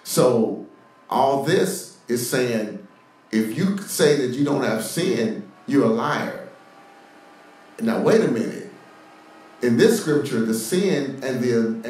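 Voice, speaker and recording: A man's voice: medium pitch, darkish tone, far from the mic, a little hiss or hum. A man preaching a sermon-style podcast, reading scripture and breaking off into sarcastic, mocking asides. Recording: very echoey room, voice off-mic.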